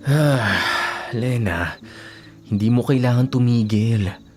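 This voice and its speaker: A young adult man with a medium-pitched, natural voice plays a devoted working-student boyfriend in a Filipino radio drama. He talks slowly, gently, and earnestly, offering reassurance, while faint music plays behind him.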